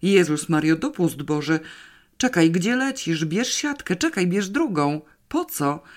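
An audiobook narrator voicing a panicky middle-aged housewife who talks in a shrill, frantic rush. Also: sing-song, slow, a bit bright. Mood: panicked.

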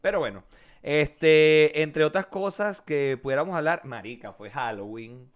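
A man's voice: on the high side, unhurried, smooth, muffled recording. A man with a Venezuelan accent, co-hosting a podcast and telling stories in slangy casual chat. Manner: slangy and animated storytelling. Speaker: podcast co-host.

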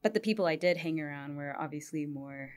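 A woman's voice: deep voice, brisk. A young adult woman from Indianapolis, speaking as a podcast guest in a thoughtful, hesitant way with many ums and likes. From Indianapolis, United States. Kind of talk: casual interview conversation.

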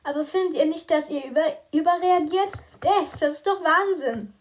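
A woman's voice: high voice, expressive, normal speed. A woman reading a fifteen-year-old girl's lines in an audiobook, protesting and incredulous. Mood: pleading. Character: teen girl, fifteen, defiant and pleading.

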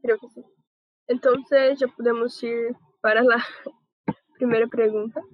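A woman's voice: fairly high pitch, steady tone, slow pace, no room sound. Young Brazilian woman hosting a call. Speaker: host. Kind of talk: casual video-call panel. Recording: dry, dull lo-fi call audio.

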